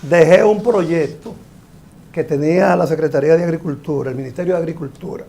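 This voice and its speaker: An older man, speaking as an engineer guest in a panel talk show, explaining in a measured, sometimes emphatic way. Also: fairly high pitch, gravelly, dark tone. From Dominican Republic.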